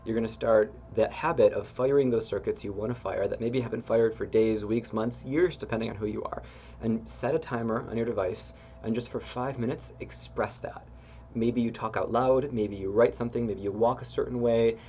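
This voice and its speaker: A man as a spiritual teacher giving guided self-help instruction. He talks in an engaged, expressive, gently encouraging way, with soft laughs and relaxed fillers. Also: mid-range voice, moderate pace, slight background noise.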